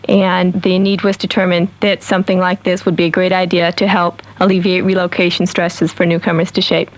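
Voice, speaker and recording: A woman's voice: lowish voice, little pitch movement, brisk, poor audio. A woman giving a short interview statement as a youth services specialist. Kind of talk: interview soundbite.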